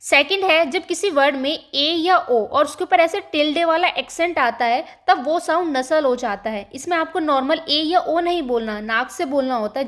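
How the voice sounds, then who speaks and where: A woman with a high voice teaches a beginners' language class. She explains step by step and stretches out her example words so they are easy to repeat. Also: fairly bright tone. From India. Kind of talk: Hindi-language lesson.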